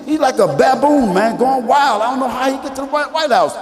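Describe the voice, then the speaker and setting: Male preacher, high voice, fiery and conversational, quiet-to-shouting swings, roomy echoing hall. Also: brisk, crowd noise. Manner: emphatic, rhetorical questions to the audience; casual vernacular grammar. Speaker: Islamic preacher. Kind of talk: mosque lecture. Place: large Islamic center hall. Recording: echoey hall from some distance.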